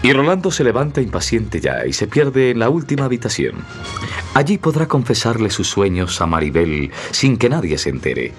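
An actor playing a solemn, emotive storyteller, reading scripted narration for a romantic melodrama. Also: male voice, medium pitch, sing-song, moderate pace, faint music behind, natural voice. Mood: solemn, tender.

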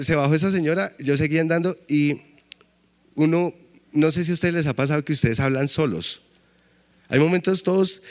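Lively storyteller on stage. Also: male voice, a little high. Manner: lively, chatty, addressing the audience.

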